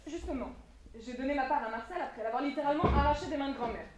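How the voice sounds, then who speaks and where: A woman's voice: high-pitched, racing, over a noisy crowd, lightly acted. A woman playing a haughty, sardonic bourgeois mother in a stage comedy, projecting in an imperious, cutting way. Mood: dismissive. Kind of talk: amateur stage comedy acting. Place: theatre stage, indoors. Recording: echoey theatre stage, distant mic, faint noise.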